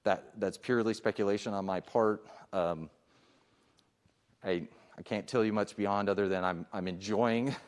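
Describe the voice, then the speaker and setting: A man's voice: lowish voice, steady tone, moderate pace. A middle-aged man, a police chief, giving a conversational presentation at a public forum, with frequent fillers and restarts.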